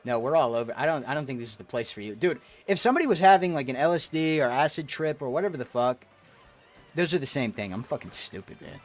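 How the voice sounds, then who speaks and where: Fast and animated, a medium-pitched male gaming streamer talks with his viewers. The chat is casual and meandering, full of swearing and rants.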